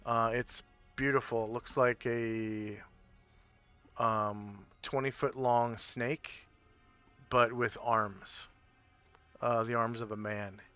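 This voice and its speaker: A man improvising narration as a tabletop game master, halting and pausing to think. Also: medium pitch, steady tone, bright, forceful tone, clean tone, faint music behind.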